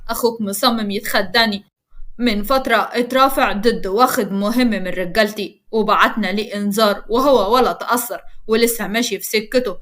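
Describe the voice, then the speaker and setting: A man's voice: sits high, a bit bright. A woman voicing a cold, ruthless crime boss with an Egyptian accent, speaking in a mocking, menacing way. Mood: annoyed.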